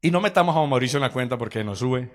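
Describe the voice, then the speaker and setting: Man preaching with lively stories. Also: medium pitch, fast talker. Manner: storytelling with acted quotes and laughter. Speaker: pastor. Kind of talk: sermon. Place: church.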